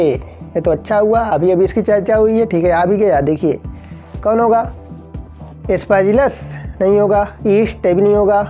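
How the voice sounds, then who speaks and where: Mellow-voiced woman teaching a science quiz. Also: medium pitch. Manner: repeats key terms and asks the class questions, fills pauses with "theek hai". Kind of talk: exam-prep lesson going through multiple-choice questions.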